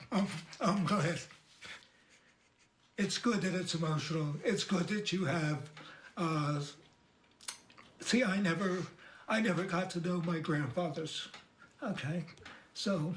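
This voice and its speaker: A man in his eighties speaking slowly and haltingly in a home conversation with his grandson, recorded on a phone. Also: high-pitched. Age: 80s. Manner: halting, gentle, with pauses and restarts. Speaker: grandfather interviewed. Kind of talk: oral-history conversation. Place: living room at home. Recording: roomy home recording, faint hiss.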